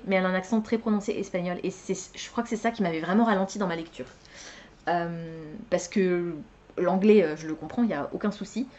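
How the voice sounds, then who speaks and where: Young woman, casual book vlog chat, hesitant with fillers, mid-pitched voice, slightly muffled recording. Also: dark tone. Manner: chatty, hesitant with many fillers and self-corrections; laughs at her own slips. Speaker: book vlogger.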